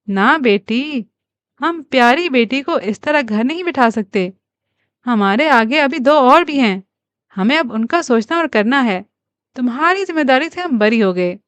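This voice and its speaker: A woman playing a blunt unsentimental middle-aged mother, calm and cutting, clear close voice. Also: high voice, dry recording.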